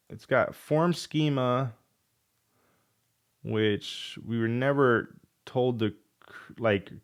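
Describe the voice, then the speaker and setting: This coding tutorial host has a lowish, smooth voice, though a cold is making it fade. Walking through his code casually, he thinks out loud and mutters with frustration as he debugs.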